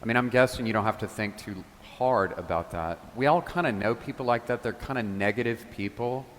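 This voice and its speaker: A man who is a parish priest, giving a homily in a relaxed, conversational way, telling stories with casual asides. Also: lowish voice, brisk, in a large hall, a little hiss or hum.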